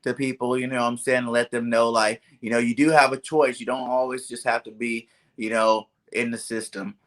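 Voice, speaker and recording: A man from California hosts a casual sports talk podcast, his voice bright and forward. He talks in a loose, rambling way, filling gaps with "you know what I'm saying." He sounds relaxed and friendly on a video call. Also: mid-range voice, brisk. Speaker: podcast host.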